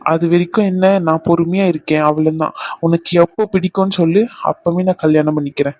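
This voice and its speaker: A man's voice: on the high side, steady tone, fast, a little mellow, no echo, dull audio. A man voicing the men of a cartoon family drama, earnest and pleading. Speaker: voice actor for male family members.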